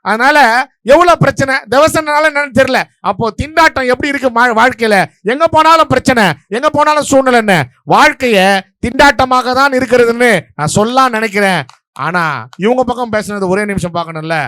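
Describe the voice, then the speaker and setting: A man from Vellore district in Tamil Nadu, judging a stage debate and giving his verdict in a rapid, playful, story-driven speech to a live audience. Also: very high-pitched, bright, forceful tone, no echo, studio quality. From Vellore district, Tamil Nadu, India.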